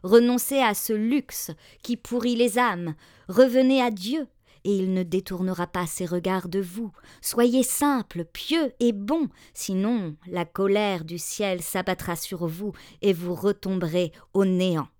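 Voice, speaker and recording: A woman voicing a mysterious old male prophet who calls out slow, solemn warnings. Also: mid-range voice, darkish tone, no echo, studio quality, lightly acted. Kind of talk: storybook reading.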